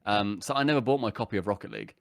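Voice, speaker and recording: A man's voice: on the low side, very fast, no room sound. Young British man, podcast guest, chatty rambler, dry recording. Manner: rambling, animated storytelling with many fillers. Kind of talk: casual podcast chat.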